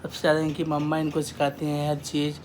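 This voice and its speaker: A man filming a casual family vlog at home on his phone, consoling his family and talking gently to his small child. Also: on the high side, completely flat delivery, fast, slight background noise. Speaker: vlogger, father. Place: home, indoors. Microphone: handheld phone.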